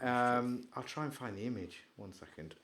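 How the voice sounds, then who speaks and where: Guy rambling on a podcast, excitable, mumbles off when distracted. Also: medium pitch, normal speed. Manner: rambling, excitable, trails off into mumbles while searching. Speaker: podcast co-host. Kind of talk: casual chat.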